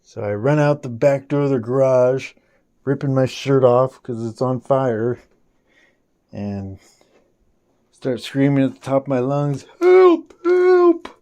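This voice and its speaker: A man's voice: mid-range voice, steady tone, measured pace, pauses often, mellow. A man vlogging, telling a rambling story in casual talk and swearing often.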